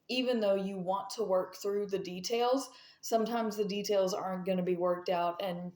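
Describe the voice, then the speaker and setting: A woman hosting her own astrology video, talking casually at an unhurried pace and stopping now and then to correct herself. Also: medium pitch, echoey room. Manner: chatty, slow, with self-corrections and apologies. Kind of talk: casual explainer talk.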